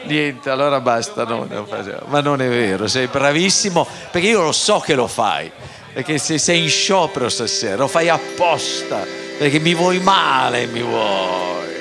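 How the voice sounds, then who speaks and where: A man's voice: medium pitch, animated, moderate pace, music in the background. A man in casual stage banter, teasing and cajoling as a singer and entertainer.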